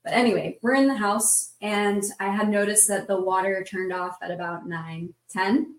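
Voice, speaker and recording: A woman's voice: mid-range voice, fairly even intonation, moderate pace, recorded from a distance. Woman telling a story, off-mic in a roomy space. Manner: vivid, breathless retelling with many "like" fillers. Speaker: roundtable guest. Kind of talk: casual storytelling.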